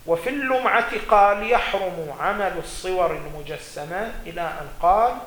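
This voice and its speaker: A male religious scholar teaching jurisprudence delivers a seminary lecture, reading quoted legal texts aloud before explaining them. His voice is high-pitched and fairly bright, at a moderate pace. The room is echoey, with faint ambience.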